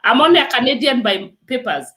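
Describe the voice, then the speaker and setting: A nurse from Kenya, interviewed as a guest, speaks briskly in a high, animated voice whose pitch leaps about as she presses her listener. She's earnest and convinced, underlining points with "let me tell you." The room adds some echo, and there's slight background noise.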